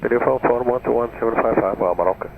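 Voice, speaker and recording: A man's voice: medium pitch, fast talker. A man speaking as a pilot over the radio, giving clipped readbacks through a noisy transmission. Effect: aviation radio transmission. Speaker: airline pilot. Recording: narrow-band, noisy airband radio.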